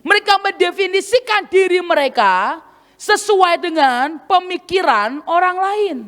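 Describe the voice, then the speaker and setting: A woman preacher telling a story in a sermon, animated and full of exclamations, in a church hall. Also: extremely high pitch. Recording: reverberant hall.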